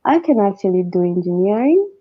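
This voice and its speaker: A woman from Zambia, a water engineer, speaking as a guest in a casual online interview, relaxed and friendly. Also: mid-range voice, brisk. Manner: relaxed and friendly, with easy fillers. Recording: dull lo-fi video call audio.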